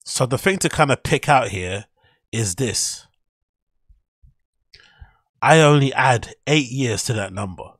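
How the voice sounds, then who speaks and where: A man's voice: mid-range voice, expressive, takes it slowly, pauses often, a bit bright, breathy edge, no room sound, studio quality. A man hosting a podcast, commenting casually and skeptically while reading through posts and an article on screen, rambling and correcting himself as he goes. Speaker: podcast host. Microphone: studio mic on boom.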